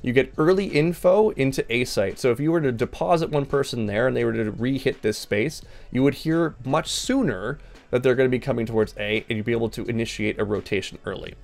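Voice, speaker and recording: A male coach talks a player through a match review, direct and instructive, often repeating his key points. His voice has a gravelly, creaky edge and sits at an ordinary pitch for a man. Soft music plays faintly behind him. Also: a little fast. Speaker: gaming coach. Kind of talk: coaching session with game review.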